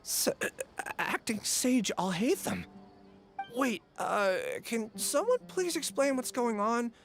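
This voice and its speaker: A man's voice: extremely high pitch, sing-song, slow pace, fairly bright tone, heavily acted. An actor playing a nervous, cowardly male researcher in a video game, stammering and flustered. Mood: panicked, pleading. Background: faint music.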